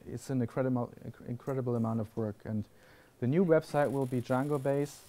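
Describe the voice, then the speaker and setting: A conference panel speaker, male, takes audience questions in a classroom lecture hall, speaking briskly in a mellow, medium-pitched voice with fairly even intonation. He thinks aloud, often restarting his sentences and leaning on fillers.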